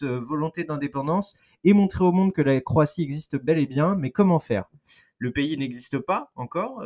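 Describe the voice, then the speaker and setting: A man in his thirties with a French accent and a voice a touch higher than most, talking through a football chronicle for a podcast. He explains with plenty of figures and slips in small jokes as he goes, keeping it lively. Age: 30s. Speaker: football columnist.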